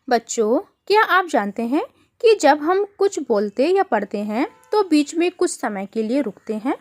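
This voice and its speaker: A woman teaches young children from a worksheet. Her voice sits high and swings widely in pitch. She explains patiently, asking the kids questions and calling them "beta". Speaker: primary school teacher. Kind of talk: online worksheet lesson for children.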